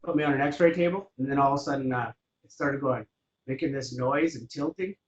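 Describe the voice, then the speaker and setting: Man, mid-pitched voice, casual interview storytelling, relaxed and rambling, lots of fillers, dull lo-fi audio. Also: a little fast, slight background noise. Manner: relaxed and rambling, with many fillers like "you know". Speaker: interview guest.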